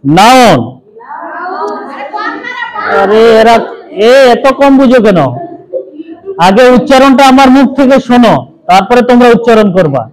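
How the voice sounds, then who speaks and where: Guy teaching english in a bangladeshi classroom, high voice, strict, repeats each word slow. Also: animated, rough recording. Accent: Bangladeshi Bengali. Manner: scolding, drills pronunciation, repeats terms slowly. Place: school classroom.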